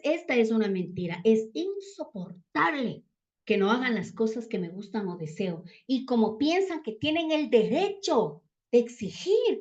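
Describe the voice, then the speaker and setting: A woman giving a Bible teaching talk, constantly checking in with the listeners through rhetorical questions. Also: high voice. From Ecuador. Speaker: church teacher. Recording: dull lo-fi sound.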